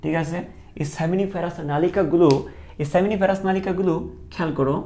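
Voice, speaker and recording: Gravelly male teacher drilling key terms. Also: high voice, fairly even intonation, normal speed, warm tone. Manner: repeats key terms as questions, drilling students. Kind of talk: online lecture.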